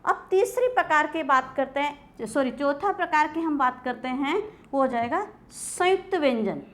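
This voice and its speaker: A woman's voice: sits high, lively intonation, normal speed, a bit bright. A woman teacher giving a classroom grammar lecture, asking questions and answering them herself. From India. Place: coaching class.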